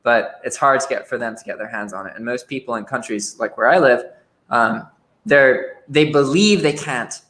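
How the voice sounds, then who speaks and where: A man's voice: mid-range voice, moderate pace, fairly bright tone. A young man talking frankly as a podcast guest, often repeating words as he starts a sentence. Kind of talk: casual interview chat.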